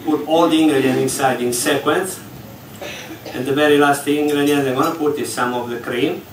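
Before an audience in a ship's large hall, an executive chef with a fairly high voice guides listeners through a recipe during a live cooking demonstration, using patient, slightly broken English. He keeps a steady tone at a normal speed. The sound is picked up from far away in the echoey, reverberant room, with faint background noise.

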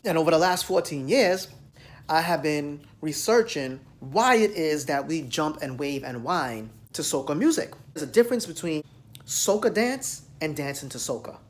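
Holding his phone at arm's length in a small room, a dance vlogger from the United States, a man in his thirties, lectures the camera directly and emphatically. His voice is fairly high and expressive, moving at a moderate pace.

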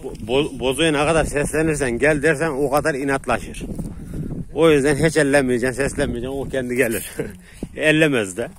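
A man casually talking to viewers while herding sheep with his dogs outdoors, laughing often and calmly calming the dogs. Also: mid-range voice, a little fast. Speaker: shepherd vlogger. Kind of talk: casual outdoor vlog narration. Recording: outdoor noise, wind and animals.

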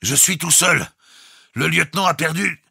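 A stolid sea captain shouting through a speaking tube in a storm, as a man puts him on for an audiobook. He talks in clipped, telegraphic phrases, spacing out each word, in a voice pushed high and loud, with a gravelly, husky edge in a dry, close sound. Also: expressive, normal speed, no echo, heavily acted. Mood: terse, steady. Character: stolid terse male ship captain in a storm.

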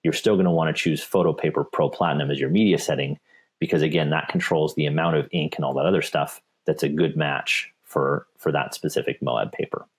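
A paper company technical specialist answers viewer questions in a webinar Q&A. His voice is very deep and husky, and he talks fairly quickly in a relaxed way, often repeating himself and restarting.

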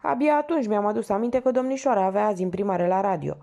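A woman's voice: medium pitch, dark tone, pitched above the performer's own voice, lightly acted. A woman voicing an agitated, insistent young male painter in an audiobook story. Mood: urgent. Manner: urgent, insistent.

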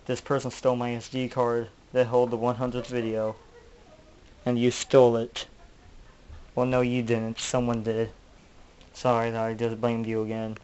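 A man's voice: medium pitch, a little mellow, smooth. A man hosting his own channel, acting out a melodramatic mock-detective comedy skit in which he questions his toys. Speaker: channel host.

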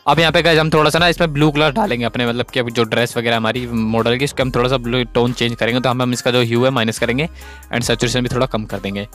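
A man talks quickly through a phone photo editing tutorial, one step after another, checking in with his viewers every few seconds. His pitch sits in a middle range. Faint music plays under his voice. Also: steady tone, fairly bright tone. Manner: instructive, repeats "guys" and "okay". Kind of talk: screen-recorded editing tutorial.

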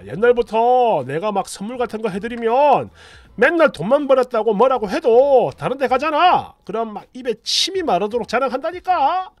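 A man voicing an angry, defensive young husband who shouts indignantly in a storytelling reading. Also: very high voice, expressive, fast talker, few pauses, dry recording, voice pushed up.

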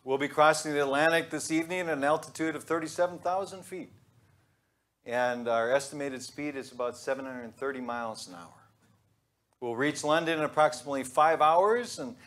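A man's voice: medium pitch, a bit bright. A man in his thirties, a pastor giving a conversational, joking sermon in a church sanctuary. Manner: conversational and joking, with pauses and restarts.

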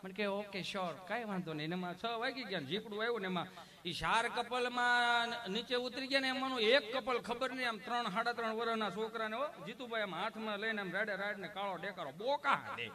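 A man's voice: high-pitched, brisk, crowd noise. A man telling a comic story on stage, acting out the people in it. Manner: lively storytelling, acting out characters. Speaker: folk comedian. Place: outdoor folk stage show.

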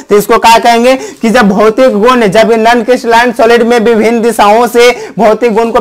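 A chemistry teacher talks through a lesson in a repetitive question-and-answer rhythm. Each point is posed as a question to the class and then answered. Understanding is checked again and again, and key terms are restated a second time. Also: mid-range voice. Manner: repetitive, explains terms twice in two languages. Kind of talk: classroom lecture.

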